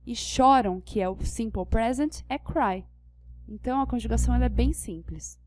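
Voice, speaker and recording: A young Brazilian woman with a Brazilian Portuguese accent teaches an English grammar lesson in a slightly high, somewhat mellow voice at normal speed. She explains patiently and checks with questions that students are following. A little hiss or hum runs under the recording.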